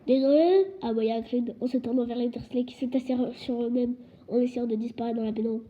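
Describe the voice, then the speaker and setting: A woman reading a storybook aloud, steady, with occasional slips. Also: on the high side, fast talker. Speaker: audiobook reader. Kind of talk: storybook narration. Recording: dull lo-fi recording.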